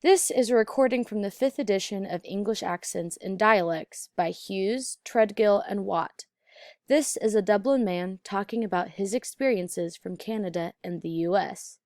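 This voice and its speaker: A woman with a mid-pitched voice narrates a pronunciation lesson. She enunciates deliberately like a teacher, recorded close and dry with no room sound. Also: a little mellow, no room sound. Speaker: accent teacher. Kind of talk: instructional narration.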